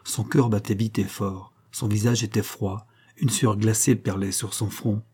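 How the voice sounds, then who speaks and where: A man reading a novel aloud as audiobook narrator, in a measured, steady manner. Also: on the low side, breathy edge. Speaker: audiobook reader. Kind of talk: scripted narration.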